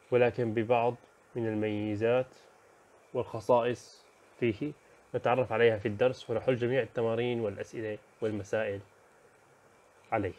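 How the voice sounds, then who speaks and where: Fast-talking man giving a lesson overview. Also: mid-range voice, a little mellow, lo-fi sound. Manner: brisk, listing topics with fillers and self-corrections. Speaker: teacher.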